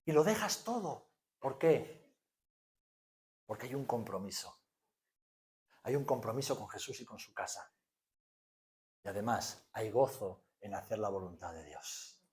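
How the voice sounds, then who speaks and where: A male pastor in his forties with an accent from Spain, preaching a sermon that swings from hushed to loud. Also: lowish voice, expressive, unhurried, pauses often. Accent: Spanish from Spain.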